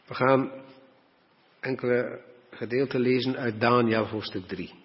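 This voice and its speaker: A man preaching a sermon and reading scripture, earnest and slowing down to stress key words. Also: medium pitch, steady tone. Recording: dull sound with long hall reverb.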